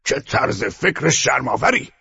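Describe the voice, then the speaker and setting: A man's voice: fairly low pitch, very animated, a bit bright, husky, dry recording, exaggerated voice. A man voicing a stern, indignant older general who speaks in curt, scolding rebukes, in a dull lo-fi recording.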